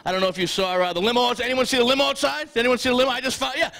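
A man hosting a comedy show, introducing the next comedian to a live club audience with loose, rapid patter. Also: extremely high pitch, fairly even intonation, gravelly, pushed and bright. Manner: rapid, loose delivery with fillers and restarts.

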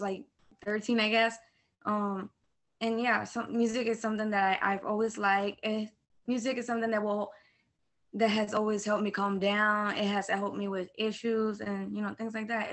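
A teenage girl answering on a student panel, sincere and steady. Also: mid-range voice. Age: teens.

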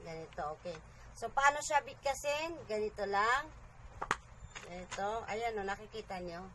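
A woman's voice: medium pitch, expressive, moderate pace, background noise. A woman giving a casual home video lesson, patiently repeating sounds one by one with chatty asides, sleepy at night. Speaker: online Arabic teacher.

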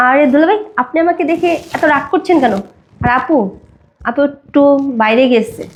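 Brief: actress as a flirty sister-in-law in a short film, high voice, coaxing and playful. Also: female voice, animated, normal speed, slight background noise.

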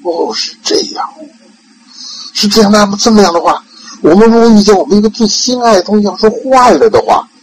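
A clever nine-year-old boy monk, heard in a storytelling voice pitched well above the teller's own, an old man acting him out. The boy asks in an earnest, drawn-out way. A slight gravelly grain stays underneath. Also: slight background noise, low-quality recording. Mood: thoughtful.

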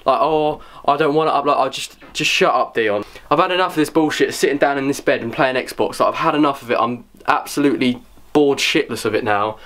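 A man's voice: mid-range voice, a bit bright. A young man, chatting casually to camera in a sweary, rambling, self-mocking way, at times out of breath. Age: young adult. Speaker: vlogger. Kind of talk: casual vlog chat.

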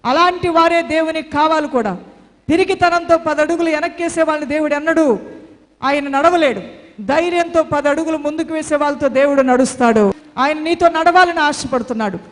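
A woman's voice: sits high, brisk, long reverb tail. A woman preaching a sermon with fervent, repetitive exhortation.

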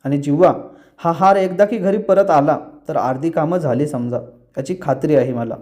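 A man's voice: a little high, moderate pace, a little mellow, close to an everyday voice. A man voicing an anxious, affectionate young wife while retelling a TV serial scene. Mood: caring. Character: caring young wife, clever and worried.

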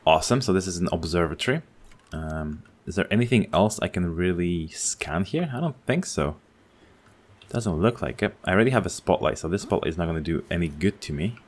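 A man giving casual let's-play commentary, excitable and chatty as he thinks out loud while playing. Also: low-pitched, brisk. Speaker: gaming channel host.

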